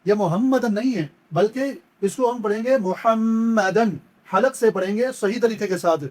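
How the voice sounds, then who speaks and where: A high-pitched man giving a step-by-step recitation lesson. He explains each error with patient repetition, then slowly chants the words and draws them out as a demonstration. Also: darkish tone. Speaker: Quran recitation teacher.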